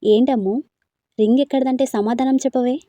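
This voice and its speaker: A woman's voice: high voice, steady tone, a little fast, dark tone, no room sound, muffled recording, lightly acted. A woman reading a storybook, voicing an affectionate elderly grandfather who asks fond questions.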